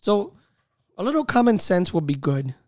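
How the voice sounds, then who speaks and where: A man's voice: sits high, moderate pace, no echo, studio quality. A man with a Miami accent co-hosting a podcast, talking in a heated, casual way with lots of slang. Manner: animated, heated, talks in bro slang. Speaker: podcast co-host. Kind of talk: casual chat.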